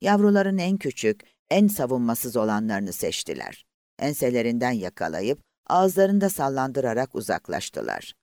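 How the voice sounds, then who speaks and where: Expressive male audiobook narrator. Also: mid-range voice, dry recording, clean studio sound. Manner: measured, expressive storytelling. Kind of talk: scripted narration.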